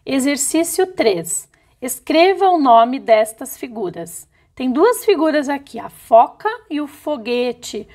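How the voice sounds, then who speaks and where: A woman teaching a recorded lesson to first graders, with a high voice. She speaks very slowly and stretches out each syllable as she spells words for the children. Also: lively intonation, darkish tone. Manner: slow, careful syllable-by-syllable dictation. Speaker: primary school teacher. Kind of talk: video lesson for young children.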